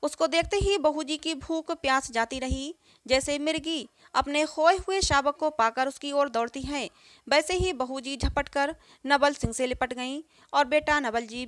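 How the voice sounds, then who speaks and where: A woman reading a classic story aloud in a steady, measured storybook manner. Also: sits high, dry recording.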